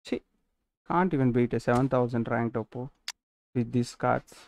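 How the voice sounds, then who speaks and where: A nineteen-year-old gaming streamer with an Indian English accent chats casually with viewers while streaming a football game, reading their messages aloud and answering their questions directly. His voice is mid-range and darkish, at normal speed, with a little hiss or hum on the recording.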